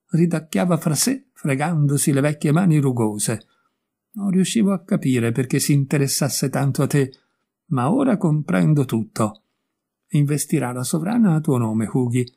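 A man's voice: medium pitch, animated, moderate pace, gravelly, warm tone, breathy edge. A man voicing a witty, worldly young male painter in an audiobook, speaking in a breezy, teasing way. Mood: amused. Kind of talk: audiobook character voice.

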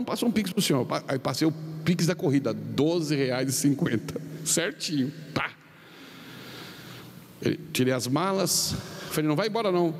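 Middle-aged Brazilian male preacher, fairly high voice, long arena reverb, storytelling sermon. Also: gravelly, darkish tone. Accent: Brazilian Portuguese. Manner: tells anecdotes with quoted dialogue, pitch swings up and down. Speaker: pastor. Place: large arena. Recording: long reverb of a large arena, faint noise.

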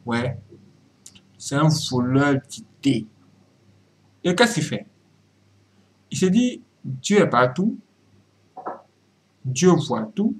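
A man preaching to his viewers in a slow, deliberate way, with a voice that sits fairly high. He hammers his points by repeating and restarting phrases. He swings between loud, emphatic cries and low, murmured asides. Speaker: religious commentator. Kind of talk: preaching-style video commentary.

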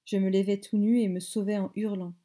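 A woman teacher reading a novel aloud in measured phrases, stopping to explain words. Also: medium pitch, flat delivery, dark tone. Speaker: French teacher.

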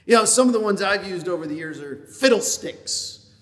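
A man's voice: high-pitched, expressive, moderate pace, a bit bright. A man preaching a folksy sermon as pastor, joking and dropping in lots of fillers. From upstate New York. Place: church sanctuary. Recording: long hall reverb in a church.

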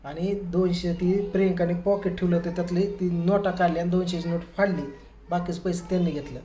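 A family vlogger, a man with a high-sitting voice, briskly tells a family story to the camera in a casual way. He brings the retelling to life by acting out what others said, recorded in an echoey room with faint ambient noise.

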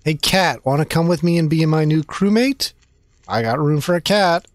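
A man's voice: on the high side, animated, normal speed, dry recording. Playful young man streaming a game. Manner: playful, joking asides. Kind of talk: casual gaming commentary.

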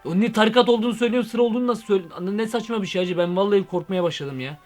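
A young man doing a comic vlog monologue, excitable and rambling, full of slang. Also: high voice, rapid-fire, faint music behind. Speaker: YouTube comedian.

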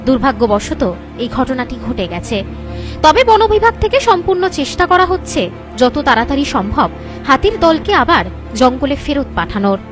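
A woman's voice: high-pitched, very animated, moderate pace, over music. A young woman with an Indian Bengali accent reading scripted news as a presenter.

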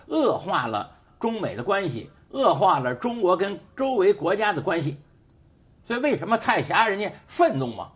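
A man who hosts a show and teaches sociology, giving an emphatic, repetitive political commentary full of rhetorical questions in a studio. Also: high-pitched. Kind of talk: casual political commentary monologue.

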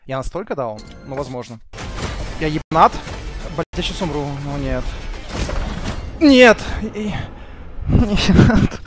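A man in his thirties streams a game live from a small indoor room, talking casually through a headset boom mic. He swears and repeats himself in a self-deprecating way, and his mid-range voice carries vocal fry.

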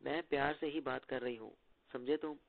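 A stern young woman agent, as a male storybook reader voices her with short, scolding lines. The voice stays gravelly and low-key. The sound is tinny and phone-like. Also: steady tone, normal speed, natural voice. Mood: curt.

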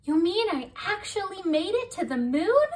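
A woman's voice: extremely high pitch, sing-song, normal speed, far from the mic, voice pushed up. A woman voicing a plucky little girl moth from a storybook, eager and exclaiming.

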